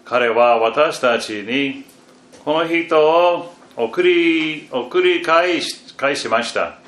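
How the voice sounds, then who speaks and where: Slow, halting male preacher in an echoey room. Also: fairly high pitch. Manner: slow and halting, with repeated fillers and restarts; phrases often trail off very quietly. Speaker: pastor. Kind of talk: sermon reading scripture. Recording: echoey room, faint background noise.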